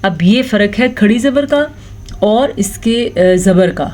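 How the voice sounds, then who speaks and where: A patient woman teacher with a mid-pitched voice and a Pakistani Urdu accent leads a tajweed lesson. She explains each rule in a steady classroom tone, then stretches the example words out slowly. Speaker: Quran recitation teacher.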